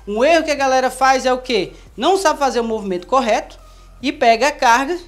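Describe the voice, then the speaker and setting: A woman's voice: sits high, fairly quick. A woman giving casual, joking workout instruction as a fitness coach, demonstrating moves as she talks. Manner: playful, joking, demonstrating moves while talking.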